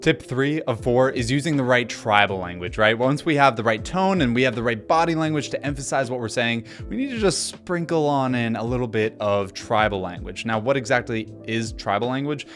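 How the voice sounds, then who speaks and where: A man giving an energetic instructional talk to camera, coaching people on speaking, deliberately shifting his speed and pitch for emphasis. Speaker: presenter teaching on-camera speaking.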